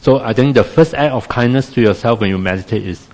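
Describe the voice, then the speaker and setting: A man teaching loving-kindness meditation in a casual, gentle way, with many pauses and fillers and a self-deprecating humor. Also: mid-range voice. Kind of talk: casual dharma talk. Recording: long hall reverb.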